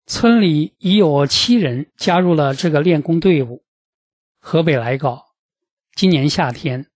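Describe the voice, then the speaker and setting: Man, slightly high voice, husky, measured scripted news reading, dry close sound. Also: darkish tone, no echo. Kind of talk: scripted narration of a submitted report.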